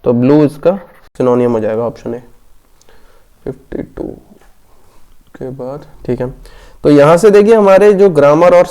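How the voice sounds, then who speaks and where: A man's voice: fairly high pitch, mellow. A man going through exam questions in a Hindi-lesson, explaining each answer and checking in often. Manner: explanatory, frequent "theek hai" check-ins, reads questions slowly. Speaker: exam prep teacher.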